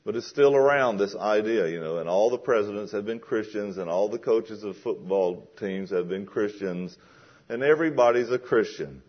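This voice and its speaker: A man's voice: on the low side, normal speed, highs cut off. A man preaching a sermon in a conversational way that builds to emphatic questions.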